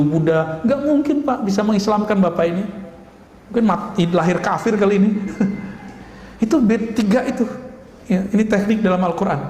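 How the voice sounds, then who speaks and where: A man preaching a lively sermon and asking the audience questions, now and then acting out scolding voices. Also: high voice. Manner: animated, acts out scolding voices, laughs. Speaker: Islamic preacher. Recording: echoey hall recording with ambience.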